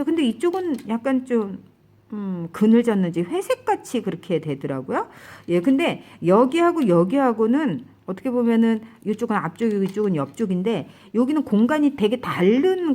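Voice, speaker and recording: A woman casually recounting a dream as a testimony, describing it with lively gestures and frequent exclamations. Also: medium pitch, normal speed.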